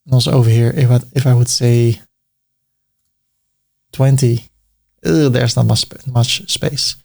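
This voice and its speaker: Narrating a screen-recorded web design tutorial as he clicks, this man with a Dutch accent thinks aloud, repeats words, and drops in dry jokes. He speaks at a measured pace in a gravelly, darkish, medium-pitched voice with a steady tone.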